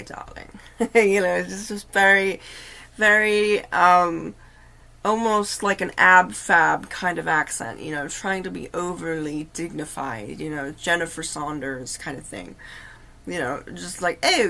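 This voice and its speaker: A woman hosting a livestream, telling a personal story in an earnest, halting, confiding way. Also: fairly low pitch, vocal fry, pushed and bright. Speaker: livestream host. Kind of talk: casual storytelling.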